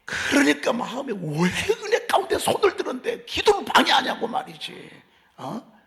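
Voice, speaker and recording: Male pastor, middle-aged; animated, high-pitched dawn sermon delivery, swings loud to whispered. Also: moderate pace, vocal fry. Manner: conversational preaching with rhetorical questions. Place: church sanctuary.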